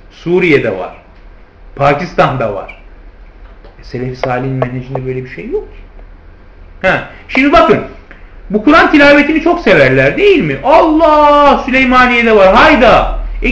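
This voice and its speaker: A man's voice: high-pitched, fairly bright tone. A man teaching a theology lesson, who keeps asking rhetorical questions and answering them himself, and who calls his listeners friends. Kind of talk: lecture on hadith commentary. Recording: roomy, slightly dull lecture recording.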